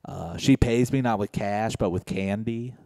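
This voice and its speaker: A young man from Indiana doing a stand-up set on a comedy club stage, deadpan and low-key with sudden loud outbursts. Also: unhurried, dry recording, clean studio sound.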